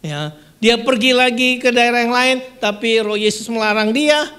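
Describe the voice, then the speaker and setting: A preacher giving a live-streamed church sermon, swinging from loud peaks to hushed lines and asking the congregation questions. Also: medium pitch, moderate pace.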